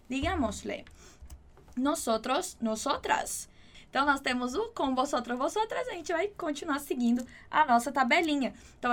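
A high-voiced woman teaches an online Spanish lesson. She explains patiently and repeats each word slowly and clearly.

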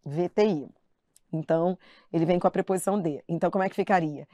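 A middle-aged woman with a Brazilian Portuguese accent teaching a live online grammar lesson, chatty and lively, playfully mimicking her students. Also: on the low side, quick pace, dry recording, clean studio sound.

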